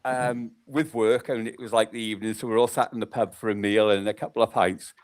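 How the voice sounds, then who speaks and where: A man's voice: fairly low pitch, little pitch movement, fast. A man in casual conversation, talking in a plain, anecdotal way. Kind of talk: casual chat, telling anecdotes.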